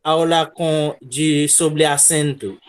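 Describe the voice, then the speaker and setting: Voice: medium pitch, fairly even intonation, slow, clear, resonant tone. A student who is not a native Portuguese speaker, hesitantly asking questions in class and searching for words.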